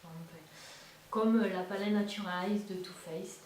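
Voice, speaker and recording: A woman's voice: medium pitch, fairly even intonation, measured pace, darkish tone. A woman chatting casually as a beauty vlogger, hesitant, with many fillers and restarts. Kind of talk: casual chat. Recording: echoey room, far from the mic, faint hiss.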